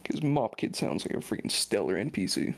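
A man's voice: fairly low pitch, very animated, brisk, breathy edge. A man co-hosting a casual podcast debate, laying out his case persuasively. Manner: persuasive, building up scenarios. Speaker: podcast co-host.

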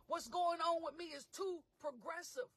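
A woman preacher, giving a motivational sermon with call-and-response, shouting and half-singing. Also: extremely high pitch, moderate pace, no echo.

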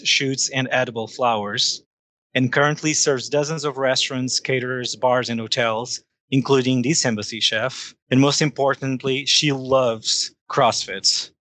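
A man's voice: medium pitch, fairly even intonation, moderate pace, pushed and bright. A man from Portugal with a Portuguese accent, hosting a podcast interview in an upbeat, friendly way. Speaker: podcast host, chef.

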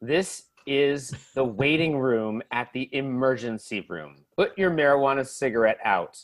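A man's voice: mid-range voice, expressive, a little slow, lightly acted. A man playing a firm, bossy female emergency room nurse in an improvised comedy sketch. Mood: stern.

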